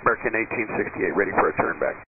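A male airline pilot speaks into a cockpit headset over aircraft radio, in a lowish voice and very quickly. His calls are clipped, polite and businesslike, through a thin narrowband transmission. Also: lively intonation, slight background noise.

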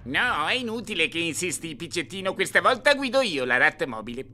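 A bored, childish cartoon superhero. The voice is high, swoops in pitch and whines comically, over noticeable noise. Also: male voice, sing-song, a little fast. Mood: resolved.

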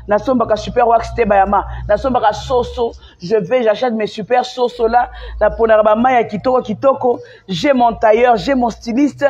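Une femme avec un accent congolais qui s'emporte en direct sur son live, répète ses phrases avec insistance et passe du français au lingala. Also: female voice, a little high, darkish tone, slightly rough. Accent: Congolese French. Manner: emphatic and repetitive, mixing French with Lingala. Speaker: live-stream host. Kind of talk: impassioned live-stream rant. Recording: dull lo-fi sound.

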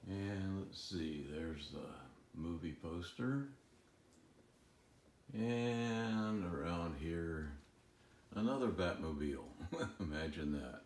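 A man giving a relaxed, rambling tour of his collection at home, filmed on a handheld phone, with frequent chuckles. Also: sits low, takes it slowly, echoey room, a little hiss or hum. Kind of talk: casual filmed walkthrough. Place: room in a home.

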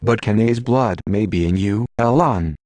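A man reading a quiet, firm Jedi master. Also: lowish voice, a little slow, no room sound, close to an everyday voice. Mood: calm. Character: calm patient older male Jedi master.

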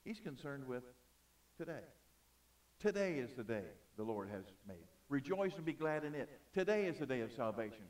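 A man preaching a sermon in an auditorium, emphatic, swinging between loud and soft. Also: medium pitch, sing-song, moderate pace, far from the mic. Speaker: pastor.

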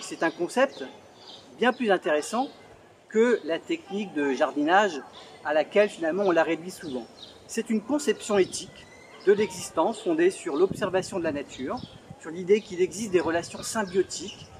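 A man in his forties presenting a book straight to camera, earnest and pausing often on "euh", seated on a bench in a small outdoor garden. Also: high-pitched, background noise. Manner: earnest, with frequent "euh" pauses. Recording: outdoor garden with loud birdsong. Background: birdsong.

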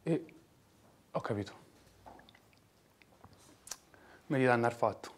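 A man acting an anguished working-class son in a dramatic monologue, with a Roman dialect accent, moving between hushed murmurs and impassioned outbursts. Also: mid-range voice, brisk, slightly rough, lightly acted. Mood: wistful. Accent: Roman (old Romanesco dialect). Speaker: actor.

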